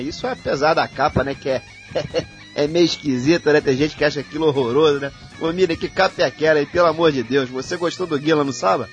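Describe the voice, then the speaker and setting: Man, Brazilian accent, radio co-host, slightly high voice, relaxed storyteller. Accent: Brazilian Portuguese. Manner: relaxed storytelling, often adding "né?". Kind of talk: casual radio chat about rock history.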